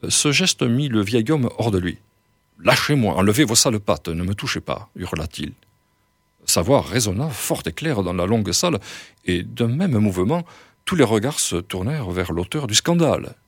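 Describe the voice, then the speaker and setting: A man's voice: fairly low pitch, animated, normal speed, no room sound, studio quality. A man reading a story aloud expressively, with an occasional hesitation. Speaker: reader.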